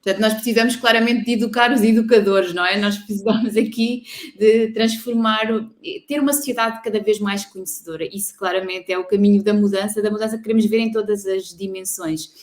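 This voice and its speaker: Woman interview host, measured and a bit hesitant, roomy echoey sound. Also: mid-range voice, steady tone. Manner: measured, hesitant with fillers, leading questions. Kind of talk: interview conversation.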